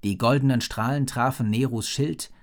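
A man narrating a children's fantasy story in a lively, expressive reading. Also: medium pitch, moderate pace. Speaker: audiobook narrator.

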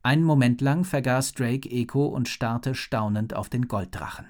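A man narrating a children's fantasy story in a lively, expressive reading. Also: medium pitch, moderate pace. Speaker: audiobook narrator.

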